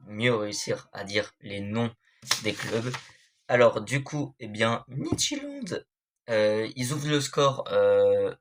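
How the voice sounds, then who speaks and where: A young man hosting an esports club show, giving a casual, hesitant recap of football matches with many fillers and apologies. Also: on the low side.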